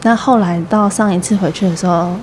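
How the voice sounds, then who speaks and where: A woman's voice: medium pitch, slight background noise. A woman, a mother telling her baby's story in casual conversation and acting out what the doctor said. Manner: animated storytelling, acts out the doctor's slow replies. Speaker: guest, mother of a premature baby.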